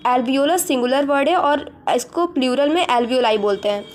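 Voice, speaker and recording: A woman's voice: high voice, moderate pace, a little hiss or hum. A young woman explaining a school biology lesson, addressing students directly and mixing English terms into her Hindi. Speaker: teacher.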